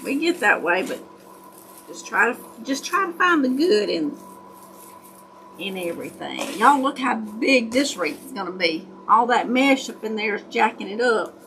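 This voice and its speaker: Woman, Southern US accent, higher-pitched, folksy country hillbilly talk, casual livestream chat, noisy background. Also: big pitch swings, normal speed, fairly bright tone. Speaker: craft livestream host. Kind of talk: casual chat, storytelling to live viewers.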